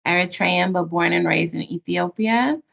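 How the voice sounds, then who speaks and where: A woman's voice: lowish voice, moderate pace, creaky, a bit bright. A woman from the Bay Area hosting a casual video-call interview, effusive and enthusiastic, with frequent fillers. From San Francisco Bay Area. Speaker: interview host.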